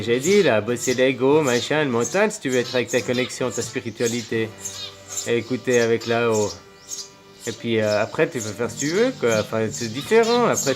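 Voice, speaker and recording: A man delivering a loose, rambling spiritual monologue to his viewers, full of fillers and rhetorical questions. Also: mid-range voice. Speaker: spiritual video blogger.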